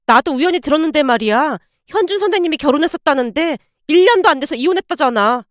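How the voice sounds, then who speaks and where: Telling a story aloud, a woman voices a gossipy female nurse, confiding and knowing as she chats about hospital goings-on. The high, dry voice is animated and quick, captured in a dry recording without any room around it.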